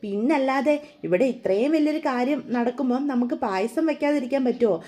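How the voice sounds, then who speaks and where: A woman's voice: sits high, a little fast, mellow, lightly acted. A woman voicing a fond, doting older mother-in-law in a serial retelling, in an affectionate, fussing way.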